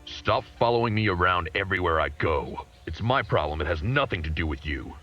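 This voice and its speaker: An actor playing a grim, hostile young martial artist in an anime dub, curt and contemptuous, heard from a worn VHS tape copy. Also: male voice, deep voice, lively intonation, brisk, heavily acted. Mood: cold. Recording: muffled worn tape with loud music.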